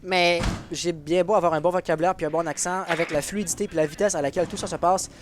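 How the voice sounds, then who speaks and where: A man's voice: a little high, fairly even intonation, quick pace. A man casting an esports match solo on his stream, chatty and answering chat between plays. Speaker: esports caster. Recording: game gunfire noise behind.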